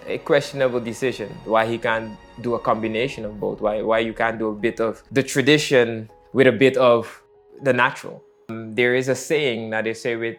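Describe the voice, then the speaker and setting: A man, telling his personal faith story in a reflective, halting way with many fillers. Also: mid-range voice, fairly bright tone. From Netherlands. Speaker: missionary. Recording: faint music underneath.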